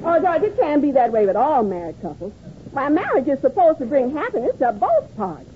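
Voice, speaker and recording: A woman's voice: high voice, very animated, a little fast, a crowd in the background. A woman playing a bossy, long-suffering wife in an old-time AM radio comedy, scolding and pleading theatrically. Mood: wistful. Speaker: comic actress. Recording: muffled, noisy old radio with studio audience.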